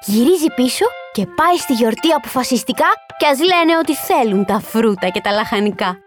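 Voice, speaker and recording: Woman reading a kids' rhyme story, high bouncy voice, soft music behind. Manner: expressive, sing-song. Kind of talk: rhyming storybook narration.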